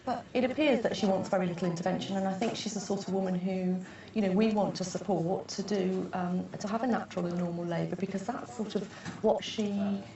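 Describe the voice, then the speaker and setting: A woman midwife speaking in a documentary interview, thoughtful and measured. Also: mid-range voice, fairly even intonation, warm tone. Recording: roomy, distant, muffled with crowd behind.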